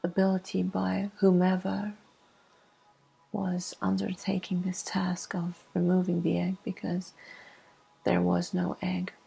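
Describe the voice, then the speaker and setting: A woman quietly narrates a personal story in a soft-spoken ASMR manner, slow and hushed, often whispering. Her breathy, husky voice is on the low side and fairly monotone, and the recording is rough.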